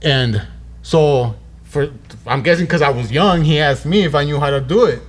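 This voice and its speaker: A man's voice: fairly high pitch, moderate pace. A man in his thirties hosting a podcast, telling a story in casual slang and acting out the dialogue. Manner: animated, slangy, acts out quoted dialogue.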